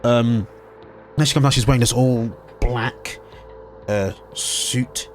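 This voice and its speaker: A man's voice: mid-range voice, fairly even intonation, slow pace, slight background noise. A man narrating as game master of a tabletop game, casual and hesitant, full of ums and self-corrections, with frequent swearing.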